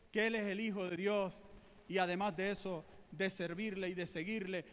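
A man with a Spanish accent preaching a sermon as a pastor, earnest, slowing down to stress key points. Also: very high voice, fairly bright tone, big-room sound. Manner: earnest preaching, slows right down for emphasis.

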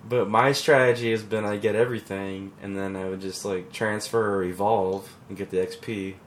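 A man co-hosting a podcast in casual chat, relaxed and rambling with fillers and restarts. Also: on the low side, moderate pace, slight background noise. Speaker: podcast co-host.

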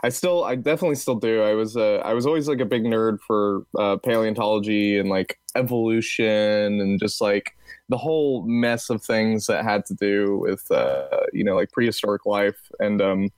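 A man's voice: fairly low pitch, normal speed, no echo. A man in his twenties from Texas, chatting casually on a podcast, rambling with many fillers and restarts. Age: 20s. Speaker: podcast guest.

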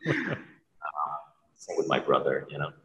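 A man who grew up in Hong Kong, a podcast guest chatting casually and relaxed, laughing often between phrases. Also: a bass voice, a little slow, background noise. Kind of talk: casual chat. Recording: roomy with long reverb.

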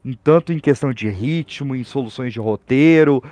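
A man's voice: mid-range voice, normal speed, mellow, no room sound. A young man with a Brazilian accent, talking casually and animatedly as a podcast guest, with slangy informal phrasing. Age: young adult.

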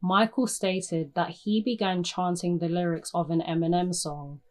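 A woman's voice: fairly low pitch, fairly even intonation, a little slow, darkish tone. A woman hosting a true crime podcast, narrating bluntly with sarcastic, profane asides. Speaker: podcast host.

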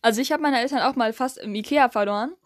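A young woman co-hosting a casual chat, relaxed, laughing along and acting out other voices when she tells a story. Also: a little high, quick pace, crowd noise. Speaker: podcast co-host.

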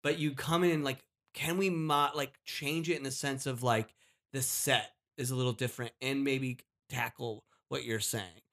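A man's voice: mid-range voice, fairly even intonation, normal speed, a bit bright. A man in casual podcast chat, rambling and circling back, often trailing off mid-thought.

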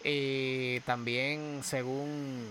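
A man's voice: medium pitch, little pitch movement, very slow, background noise. A man in casual chat who talks hesitantly, with many fillers.

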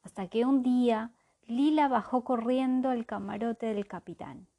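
A woman narrates a children's story aloud, reading at an unhurried, gentle pace. Her voice sits a little high, and she shapes each sentence expressively for young listeners.

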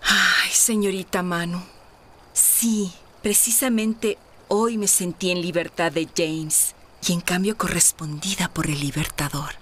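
Woman acting low-voiced, refined Manuela Sáenz, noisy ambience. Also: fairly even intonation, measured pace, close to an everyday voice. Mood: confiding, smitten. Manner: formal, earnest, confiding. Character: refined, candid married lady, romantic and independence-minded. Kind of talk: audio drama acting.

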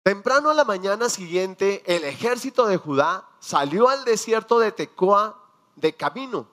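A man preaching a sermon, quizzing his congregation and acting out quiet prayers and dialogue. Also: sits high, animated, normal speed. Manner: asks the congregation questions and answers them; acts out prayers and dialogue in a hushed voice.

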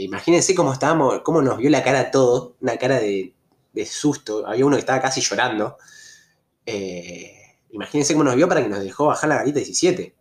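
A young man with an Argentine Rioplatense accent telling a story in a casual, slangy way. His pitch jumps sharply at the tense moments. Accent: Argentine Rioplatense Spanish. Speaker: vlogger.

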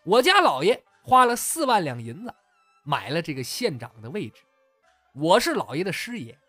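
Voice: medium pitch, big pitch swings, moderate pace, bright, forceful tone, dry recording, faint music behind. A storyteller voicing a scheming old male secretary who pleads in flowery, old-fashioned speech. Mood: pleading.

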